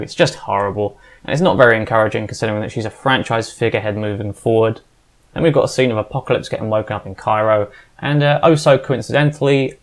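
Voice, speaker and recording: A man narrating a scripted film review in a sarcastic, complaining way. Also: mid-range voice. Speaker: film critic vlogger.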